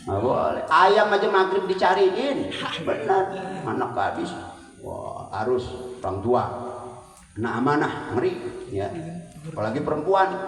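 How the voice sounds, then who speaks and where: Joking preacher man in an echoey hall. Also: sits high. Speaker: Islamic preacher. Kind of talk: humorous sermon. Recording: echoey hall from far off, faint music.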